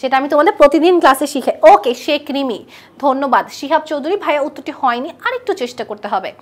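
A woman's voice: high-pitched, lively intonation. A woman, teaching a live online English lesson, asking students questions and repeating their answers. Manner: reads English test sentences slowly.

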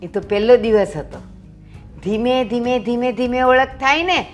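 An actress playing a middle-aged, sharp-tongued mother-in-law who bluntly scolds and mocks her son-in-law. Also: a little high, unhurried, soft background music, lightly acted. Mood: scolding.

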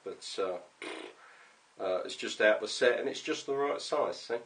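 A man's voice: on the low side, normal speed, distant mic, background noise. Chatty man, a bit off-mic. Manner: chatty, addresses customers directly with "okay?" and "mate". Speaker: paintball tech vlogger. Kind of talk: casual show-and-tell to camera.

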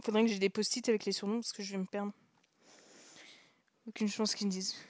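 A young woman streaming a story game, chatting and joking as she reads it aloud. She laughs a lot and slips into quiet asides now and then. Her voice sits at an ordinary pitch and sounds dry and close, with no room echo. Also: level tone, a little fast. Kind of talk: casual live commentary while reading a visual novel.

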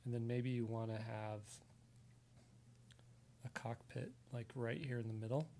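In a casual live drawing tutorial, an American artist and instructor sketches at his desk indoors and explains each step. He speaks unhurriedly in a mellow, medium-pitched voice with fairly even intonation; slight background noise is present, and the audio is confined to the left ear.

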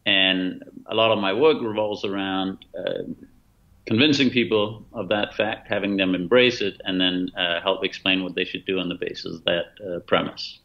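A man's voice: deep voice, level tone, moderate pace, vocal fry. A man in his fifties from Denmark, a native Danish speaker, explaining things earnestly and emphatically in a remote interview with many fillers. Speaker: guest, author and former fund manager. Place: bright room at home. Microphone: laptop webcam video call. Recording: dull video-call audio.

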